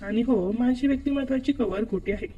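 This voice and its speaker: A woman's voice: a little high, fairly quick, narrow, tinny audio, close to an everyday voice. A woman voicing a playful, teasing middle-aged aunt in a told story.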